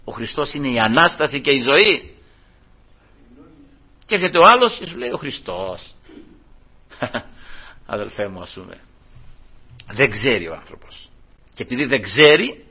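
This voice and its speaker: A man's voice: medium pitch, sing-song, pauses often, husky. A man preaching a sermon, addressing his brothers, acting out the dialogue of the people he tells about and chuckling often. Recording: dull lo-fi recording.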